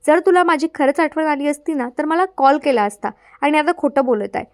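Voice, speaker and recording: A woman's voice: high-pitched, animated, brisk, a little mellow, no echo, clean studio sound. A woman reading the lines of a distraught young woman in love, pleading and tearful. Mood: reproachful.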